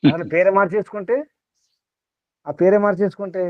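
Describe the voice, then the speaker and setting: A man delivering a spiritual discourse with a somewhat raised pitch, circling back to the same phrases and pressing his listeners with questions. His voice comes through a thin, phone-like channel with a dry, close sound. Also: fairly even intonation, brisk, dry recording. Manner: repetitive, rhetorical questioning. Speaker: spiritual teacher. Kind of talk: spiritual discourse to a small group.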